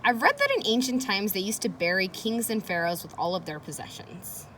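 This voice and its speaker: In a mid-range, slightly bright voice with lively intonation, a woman teacher reads briskly from a children's chapter book. Casual asides offer her listeners encouragement and questions. The background is noisy, filled with children at play.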